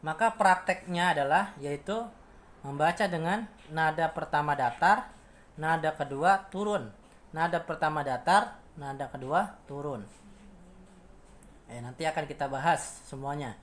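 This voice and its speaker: A man teaching Quran recitation, patiently repeating each point and chanting examples in long drawn-out tones. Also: fairly high pitch, fairly bright tone. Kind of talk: slow instructional explanation with chanted examples.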